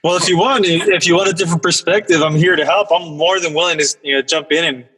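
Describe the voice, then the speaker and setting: A man with a slightly high voice talks casually as a guest on a podcast. He is modest and hesitant, feeling his way through sentences in a halting manner. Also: fairly even intonation, a bit bright, breathy edge, poor audio. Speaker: podcast guest, pest control technician. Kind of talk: casual chat.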